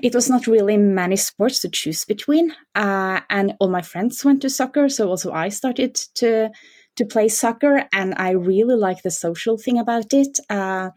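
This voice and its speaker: A woman in her forties from Norway with a Norwegian accent, a guest answering interview questions with many pauses, fillers and restarts. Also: medium pitch, darkish tone.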